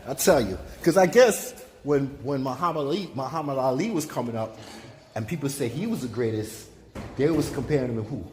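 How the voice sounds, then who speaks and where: With a mid-range, slightly mellow voice, this man sounds animated and brisk against a little background noise. He's recording casual vox pop interviews on his handheld phone around city streets and in a car, speaking in easygoing street slang.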